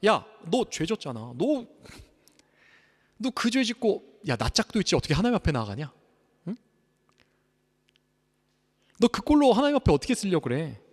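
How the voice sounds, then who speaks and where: A preacher doing a sneering accuser's voice. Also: male voice, high-pitched, big pitch swings, moderate pace, pauses often, big-room sound, pitched above the performer's own voice. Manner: sneering, scolding. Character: taunting accuser voice of Satan, male.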